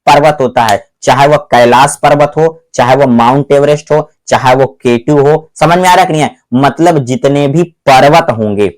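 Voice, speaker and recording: A man teaching English grammar in a classroom style. He keeps asking the pupils whether they have understood, calls them "my children", and reads the English examples slowly. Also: mid-range voice. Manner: slows right down to read English examples aloud.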